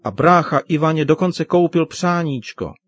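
A man's voice: on the high side, no echo, pitched above the performer's own voice, close to an everyday voice. A man putting on an upset, indignant teenage girl. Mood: tearful, angry. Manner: protesting, indignant.

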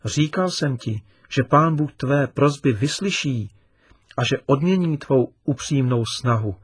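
A man's voice: medium pitch, husky, no room sound, clean studio sound, voice pushed up. A man playing a kind, patient father. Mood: explaining. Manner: calm, kindly explaining, lively emphasis.

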